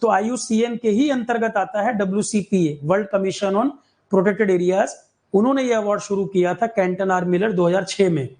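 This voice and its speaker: A man's voice: high-pitched, normal speed, a little mellow, rough recording. A man from India teaching a current affairs lesson for exam preparation, repeating key facts and checking that students follow. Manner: repetitive, drills key facts, asks "clear?".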